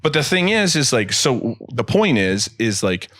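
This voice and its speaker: A man hosting a podcast in casual chat, rambling with many fillers and quick laughs. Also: mid-range voice, sing-song, fairly bright tone, dry recording, clean studio sound. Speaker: podcast host.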